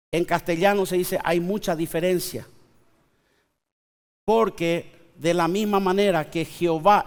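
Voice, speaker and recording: A man, preaching a sermon to his congregation with slow, emphatic pauses and conversational asides. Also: sits high, clean tone. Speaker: pastor. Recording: long church hall reverb.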